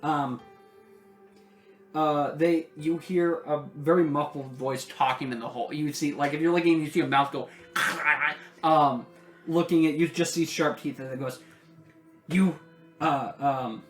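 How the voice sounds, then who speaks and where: A man narrating casually as game master, with halting pauses. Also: fairly high pitch, fairly even intonation, roomy sound, faint music behind.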